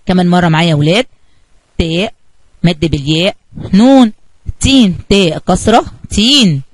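A woman's voice: lowish voice, moderate pace, poor audio. A woman with an Egyptian Arabic accent teaching a kindergarten spelling lesson, asking the children questions and answering them herself.

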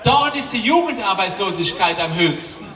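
A man's voice: high-pitched, expressive, normal speed. A middle-aged man giving an impassioned rally speech on an outdoor stage into a handheld mic, asking rhetorical questions. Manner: forceful, rhetorical questions, often shouting. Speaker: rally speaker. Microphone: handheld mic, filmed from the crowd. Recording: distant PA sound echoing outdoors with crowd.

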